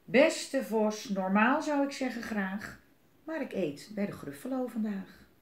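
A woman's voice: mid-range voice, expressive, a little slow, lightly acted. A woman voicing a small, clever, boastful mouse in a children's storybook reading, with a cheeky, self-assured manner. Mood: cocky. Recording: roomy echo.

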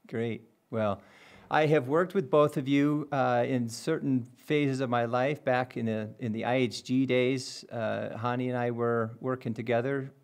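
A man's voice: medium pitch, fairly even intonation, unhurried, gravelly. A middle-aged man hosting a podcast, greeting guests and steering the conversation with friendly questions. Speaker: podcast host. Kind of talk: podcast interview. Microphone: headset with podcast mic.

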